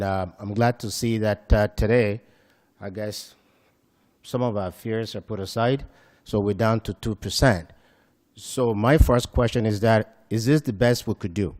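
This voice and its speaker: A man's voice: fairly low pitch, a little mellow. A man giving public comment at a town council meeting, hesitant with many fillers, asking questions about the budget. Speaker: citizen speaking at council meeting. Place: council chamber.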